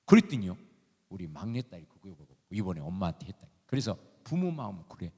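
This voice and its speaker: Older pastor, gravelly, preaching in a reverberant hall. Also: male voice, low voice, very animated, quick pace, warm tone. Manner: folksy, emphatic preaching with rhetorical questions. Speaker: emeritus pastor. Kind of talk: sermon. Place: church sanctuary. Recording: long church hall reverb.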